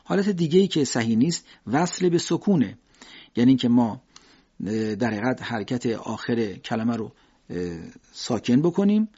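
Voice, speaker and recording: Gravelly man teaching recitation on radio. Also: medium pitch. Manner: calm explaining, with recited verse examples. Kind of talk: radio lesson on recitation rules. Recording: dull lo-fi radio recording.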